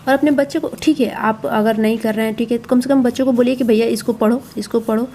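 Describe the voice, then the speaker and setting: A woman's voice: on the high side, steady tone, quick pace, warm tone, a little hiss or hum. A woman explaining a schoolbook to parents, coaxing and reassuring, often repeating herself.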